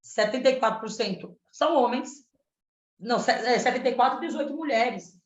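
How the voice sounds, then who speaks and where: A woman in her 30s from Pernambuco, Brazil, running for the state legislature, answers in a panel debate in an earnest, activist manner with frequent tag questions. Her voice is fairly high, with lively intonation and normal speed. The recording sounds roomy, dull and lo-fi.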